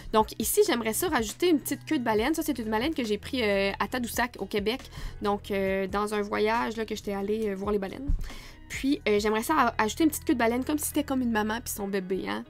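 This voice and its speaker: A young woman with a Quebec French accent gives a casual tutorial in a fairly high voice, chatty and quick to laugh. A little quiet music plays underneath. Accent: Québécois French. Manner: chatty, laughs often, many fillers. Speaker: photographer teaching Photoshop. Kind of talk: casual screen-recorded tutorial.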